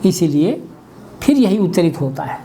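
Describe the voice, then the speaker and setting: A man giving a webinar lesson on pronunciation, spelling out letters one by one as he writes them and explaining each step deliberately. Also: sits high, sing-song, dark tone, a little hiss or hum. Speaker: Hindi language teacher.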